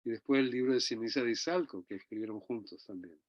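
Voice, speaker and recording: A man's voice: mid-range voice, fast, no echo. Older man reminiscing in a dull, dry recording. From Chile. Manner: rambling, warm storytelling with tag questions. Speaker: interview guest. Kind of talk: reminiscing conversation.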